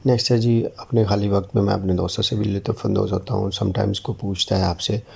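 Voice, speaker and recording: Deep, gravelly teacher. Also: male voice, little pitch movement, darkish tone. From Pakistan. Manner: slow, deliberate model sentences with frequent "theek hai" check-ins. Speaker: English teacher. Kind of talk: language lesson in Urdu.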